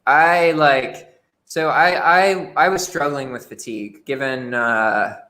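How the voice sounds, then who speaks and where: A man's voice: medium pitch, takes it slowly, sharp tone. A young man talking frankly as a podcast guest, often repeating words as he starts a sentence. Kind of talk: casual interview chat.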